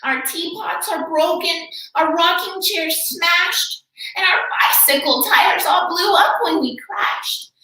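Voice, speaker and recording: A woman's voice: takes it slowly, bright, forceful tone, recorded from a distance, exaggerated voice. A woman voicing a tiny, worried male mayor from a storybook, with plaintive pleading. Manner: plaintive, high-pitched pleading. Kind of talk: storybook read-aloud character. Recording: very echoey room.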